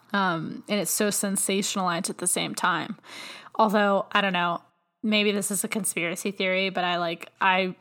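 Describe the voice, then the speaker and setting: A woman's voice: fairly low pitch, a bit bright. A young woman co-hosting a podcast in casual chat, chatty and opinionated, with skeptical asides. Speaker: podcast co-host.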